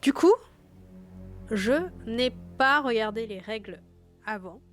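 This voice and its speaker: A hoarse young woman with a put-on southern French accent, chatting casually and self-mockingly as game master of a live-streamed game, with music playing behind her. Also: a little high, animated, slow. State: hoarse, broken voice after illness. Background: background music.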